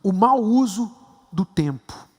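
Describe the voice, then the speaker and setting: Emphatic Brazilian preacher man, high voice. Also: animated, slow, a little mellow, long reverb tail. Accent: Brazilian Portuguese. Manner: emphatic, rising to stressed high points. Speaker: bishop. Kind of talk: sermon. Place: large temple hall.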